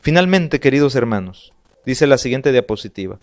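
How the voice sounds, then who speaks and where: A man's voice: mid-range voice, big pitch swings, normal speed. A man with a Salvadoran Spanish accent giving an earnest family life sermon, reading slides aloud and repeating words as he goes. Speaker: pastor.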